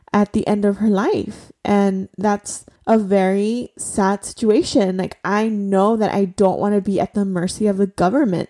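A woman's voice: mid-range voice, warm tone. A woman in her forties hosting a podcast, talking in an earnest, conversational way with many fillers. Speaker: podcast host. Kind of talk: personal podcast monologue.

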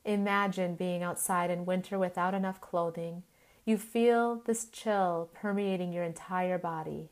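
A woman guiding a yoga nidra relaxation in the soothing manner of a sleep story narrator, in measured short phrases with long pauses. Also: on the low side, fairly even intonation.

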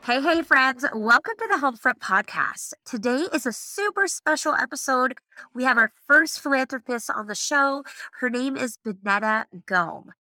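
Bright-voiced woman hosting a podcast. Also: sits high, lively intonation, normal speed, no echo, soft background music. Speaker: podcast host. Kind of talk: upbeat podcast introduction and interviewing.

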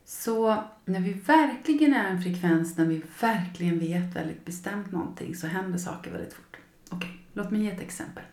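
A woman's voice: mid-range voice, a little mellow, roomy sound. A woman hosting a personal podcast as a coach, speaking emotionally and acting out her past feelings as she tells a story.

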